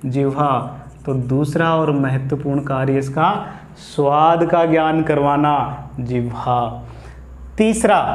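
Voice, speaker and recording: A man's voice: on the high side, darkish tone. A man teaching biology step by step, repeating the key points. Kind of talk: classroom explanation. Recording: echoey room.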